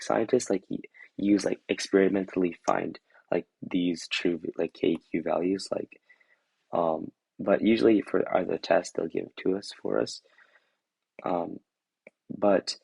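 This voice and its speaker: A hoarse young man explains chemistry in a loose, rambling way, leaning on "like" and "um" as he works things out. His voice sits very low with a gravelly, husky edge. The sound is dry and close. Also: darkish tone, no echo, rough recording. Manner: rambling, full of "like" and "um", thinking aloud. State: hoarse from a lost voice. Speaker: student tutor. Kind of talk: casual chemistry review over a drawing screen.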